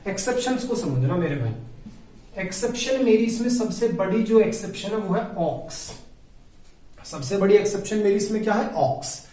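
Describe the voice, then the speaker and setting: A man's voice: sits high, expressive, normal speed, mellow. A male grammar teacher giving a video lesson, repeating each point and asking and answering his own questions, often calling his listeners brother. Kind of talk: classroom-style video lesson. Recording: very echoey room, voice from a distance.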